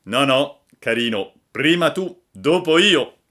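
A man's voice: medium pitch, big pitch swings, measured pace, pushed and bright. A man voicing a cheeky, lazy schoolboy with a coaxing, teasing manner.

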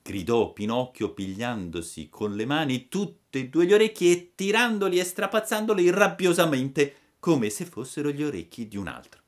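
A man reading a children's story aloud in an expressive, unhurried way. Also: fairly high pitch. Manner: unhurried, with lively rises and falls.

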